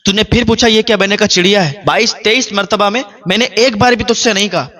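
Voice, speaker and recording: A man voicing an old father with tears in his eyes, gently reproaching his son. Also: high voice. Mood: sorrowful.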